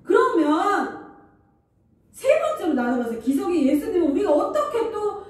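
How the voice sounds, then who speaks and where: Woman pastor, high, mellow voice, animated sermon; heavy church echo, distant mic. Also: moderate pace. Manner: animated preaching, acting out Jesus's angry words. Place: church sanctuary. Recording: echoey church hall, voice from far off the mic.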